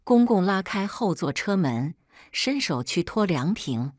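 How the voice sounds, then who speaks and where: A woman narrating a first-person story in a steady, low-key scripted way. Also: unhurried, no echo, studio quality.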